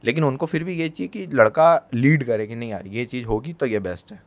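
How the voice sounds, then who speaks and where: A man, a podcast guest telling stories in a casual, animated way and acting out the quotes. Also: mid-range voice, brisk. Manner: animated storyteller, acts out quotes, laughs often. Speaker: podcast guest, content creator.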